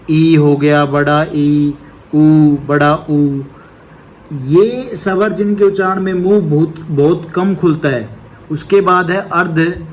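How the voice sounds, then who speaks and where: In a voice on the high side, with a little hiss or hum in the background, a male teacher works through exam-prep grammar. He explains patiently, step by step, asking and answering his own questions and checking with "okay" after every point.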